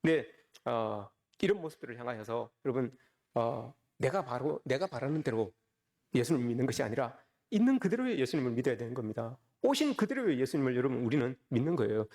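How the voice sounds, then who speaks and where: A man's voice: mid-range voice, very animated, quick pace, a little mellow. A man preaching a Sunday sermon as a pastor, often calling out to the congregation with rhetorical questions. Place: church service.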